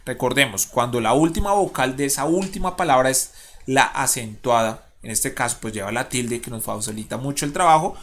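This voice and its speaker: A man's voice: mid-range voice, a little fast. A male schoolteacher with a Colombian accent, recording an online lesson for his pupils. He talks patiently, asks the class questions and counts syllables aloud. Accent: Colombian Spanish.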